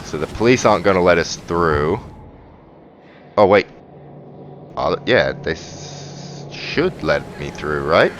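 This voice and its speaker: A man's voice: sits low, animated, slow, pauses often, slight background noise. A man giving casual game commentary as a let's play host, thinking aloud as he goes. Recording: music under the voice.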